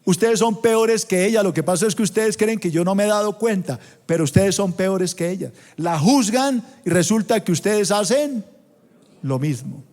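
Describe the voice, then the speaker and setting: A man with a Colombian accent preaching a sermon as pastor in a large church auditorium, emphatic and slowing down to stress scripture quotes. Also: high voice, darkish tone. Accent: Colombian Spanish. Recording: long hall reverb.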